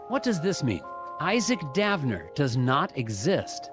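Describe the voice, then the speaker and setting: A man's voice: fairly high pitch, very animated, a little slow, music in the background. A man voicing an earnest, by-the-book puzzle-game detective with a stiff, formal, hesitant delivery. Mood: formal, probing. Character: earnest, awkward, by-the-book male FBI puzzle agent. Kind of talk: cartoon game dialogue and noir-like narration.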